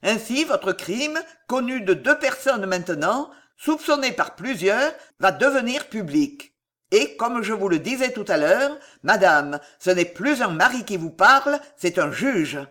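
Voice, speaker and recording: A man's voice: high voice, unhurried, heavily acted. Brief: icy accusing magistrate husband, varied delivery, read by a man. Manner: calm, cutting, accusing. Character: cold stern magistrate husband.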